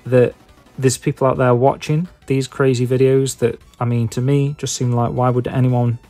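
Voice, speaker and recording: A mellow man from England with a Stoke-on-Trent accent rambles casually to viewers as a YouTube video maker and podcaster. His medium-pitched delivery is flat and moderately paced, hesitant and self-deprecating, full of filler phrases. Soft music plays in the background.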